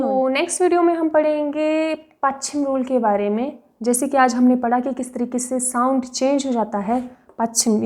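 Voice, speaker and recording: A young woman teaches a language lesson in a high, mellow voice. She explains each point patiently, says example words slowly more than once, and keeps checking that her viewers follow. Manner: explains patiently, often checks understanding with "right?" and "okay?".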